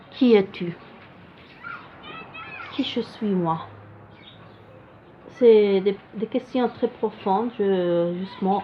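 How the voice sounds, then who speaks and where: A woman with a foreign accent in French, a non-native speaker, explaining cards casually to viewers and searching for her words. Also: medium pitch. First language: not French. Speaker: card reader presenting a card deck. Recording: dull lo-fi sound with faint noise.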